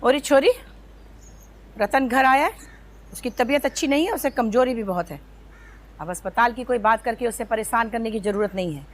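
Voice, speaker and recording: An actress playing a scheming, sharp-tongued sister-in-law who mocks and taunts. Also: female voice, fairly high pitch, normal speed, long pauses, natural voice. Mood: taunting. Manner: taunting, mocking. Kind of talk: TV serial acting. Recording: background music score.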